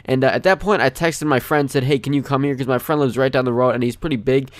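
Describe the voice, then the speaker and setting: A man's voice: medium pitch, quick pace, no echo. A young man hosting a gaming channel, casually telling a rambling story full of fillers. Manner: rambling, animated, many fillers. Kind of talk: casual storytelling over gameplay.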